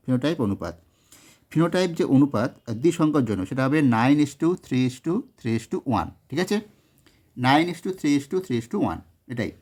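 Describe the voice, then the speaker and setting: A man teaching, working through exam question answers step by step, often pausing, correcting himself and checking that students follow. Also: mid-range voice, a little mellow. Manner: explains step by step, checks in with "ঠিক আছে?"; frequent hesitations and self-corrections. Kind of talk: exam solution walkthrough.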